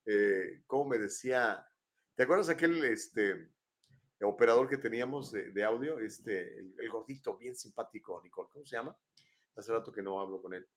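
An older man with a Mexican Spanish accent chats in a rambling, casual way while hosting a live show at home, frequently tacking on tag questions. He talks at a moderate pace in a fairly low voice.

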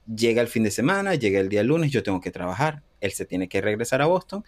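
A man's voice: on the low side, quick pace. A man in his thirties, from Panama, telling a personal story in a casual interview, acting out the dialogue and laughing often. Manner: animated, acts out quoted dialogue, laughs often. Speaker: interview guest.

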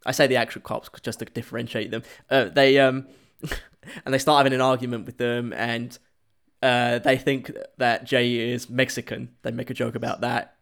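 A man chatting casually as a podcast co-host, laughing often as he retells scenes with halting restarts. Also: medium pitch, little pitch movement, creaky, fairly bright tone. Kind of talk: casual chat.

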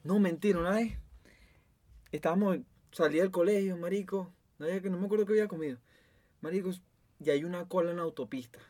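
A man's voice: high voice, fast talker, pauses often, dark tone, no room sound. A young Venezuelan man in casual chat, telling a story breathlessly and filling it with slang interjections.

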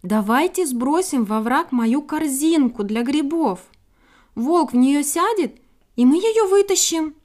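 A woman voicing an eager female squirrel in a storybook reading, trying to shout over everyone. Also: high voice, animated, a little slow, pitched above the performer's own voice.

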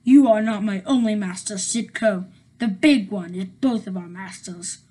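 A woman's voice: mid-range voice, normal speed, dark tone, slightly rough, voice pushed down, close to an everyday voice. A woman voicing a resentful male henchman in a family audio drama, speaking in a sullen, defiant manner.

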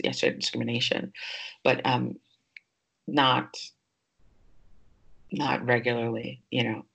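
Woman, podcast host, raised in New York, husky gravelly voice, reflective, casual chat. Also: extremely low pitch, fairly bright tone. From New York, United States. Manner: reflective, thinks aloud with many fillers.

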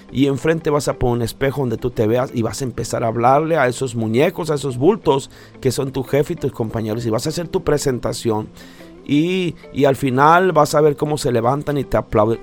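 A man's voice: mid-range voice, a little mellow. A man giving a motivational talk, speaking straight to the listener and repeating phrases for emphasis. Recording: faint background music.

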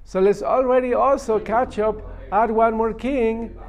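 In this religious lesson, a rabbi leads a Talmud class, reading the text aloud and translating one phrase at a time. He's a high-voiced man, listed as "New," with a steady tone and measured pace. His manner is emphatic, with repetition and step-by-step explanation.

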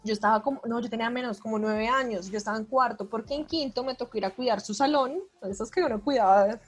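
A woman's voice: a little high, fast. A woman telling a childhood anecdote in casual chat, acting out quotes.

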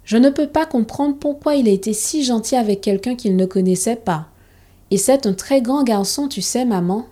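A woman's voice: fairly high pitch, normal speed, warm tone, voice pushed up, natural voice. A woman voicing a young schoolboy who is kind and earnest, in a storybook reading.

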